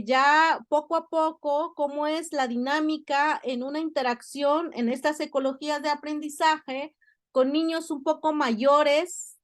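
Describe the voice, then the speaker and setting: A woman lecturer, explaining her research in an academic talk with frequent filler pauses. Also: sits high, dry recording, clean studio sound. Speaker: university lecturer.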